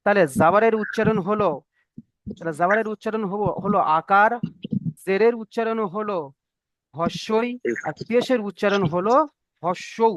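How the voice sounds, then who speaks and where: A man teaching an online class on reading Arabic, drilling each point slowly, repeating it, and asking students to say it back. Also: high voice, fairly even intonation, no echo, low-quality recording. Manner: slow, repetitive call-and-repeat teaching. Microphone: online call microphone.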